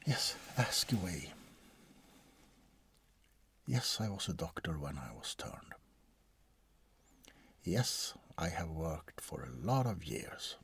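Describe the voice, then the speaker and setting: A man performs an ASMR roleplay as a vampire doctor who has seen centuries and is thoroughly bored by them. His voice rumbles low, husky and breathy, slipping often into whispers, and his heavily acted, deadpan, hesitant delivery moves slowly with frequent pauses, bored and dry.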